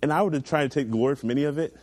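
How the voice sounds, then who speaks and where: A man's voice: medium pitch, very fast, a little mellow. A young man preaching a sermon to a youth group, earnest and emphatic, pushing his voice up on key points and then settling into a prayer. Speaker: youth pastor.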